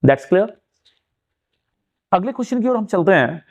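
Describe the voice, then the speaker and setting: A man's voice: high voice, sing-song, a little slow, dull audio. A man teaching an exam-prep lesson, explaining step by step and asking and answering his own questions. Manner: urging students to keep watching.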